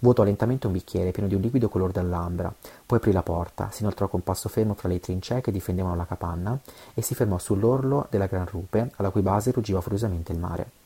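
A man's voice: deep voice, fast talker, gravelly, warm tone, breathy edge. A man reading an adventure novel aloud, with occasional stumbles and self-corrections. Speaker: audiobook reader.

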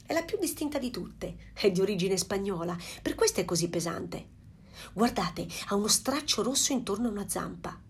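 A woman voicing a proud, fussy mother duck in a storybook reading, with a slightly husky voice. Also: medium pitch, animated, normal speed.

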